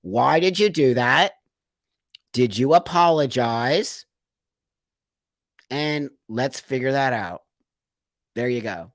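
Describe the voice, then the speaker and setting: A man's voice: mid-range voice, expressive, slow, long pauses, no echo, clean studio sound. Emphatic man hosting a live stream. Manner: emphatic and emotional, repeats phrases for stress. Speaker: live-stream host reading viewer comments. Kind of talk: casual live-stream talk.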